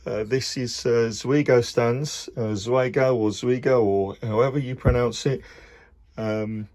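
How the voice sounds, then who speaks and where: A man's voice: medium pitch, fairly even intonation, a little slow, darkish tone. A man with a Birmingham accent talking casually about his model build in a home workshop, with many ums and uhs. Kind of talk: casual video diary.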